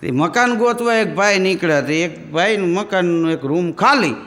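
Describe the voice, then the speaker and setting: Man, Kathiawadi Gujarati accent, stand-up comic, high voice, long hall reverb. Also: expressive, fairly bright tone, slight background noise. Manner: folksy storytelling, jumps into quick character voices. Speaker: comedian. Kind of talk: stand-up joke telling.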